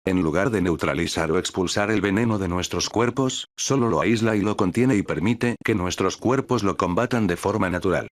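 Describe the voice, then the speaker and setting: A man's voice: low voice, no room sound, studio quality. A man reading a light novel aloud as an audiobook narrator, voicing the dialogue with little change from his narrating voice.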